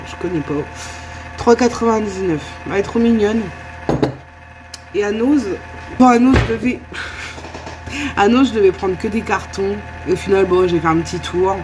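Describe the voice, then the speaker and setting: A woman vlogging at home in casual chat, chatty and gushing. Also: mid-range voice. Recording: loud computer fan hum. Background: computer fan noise.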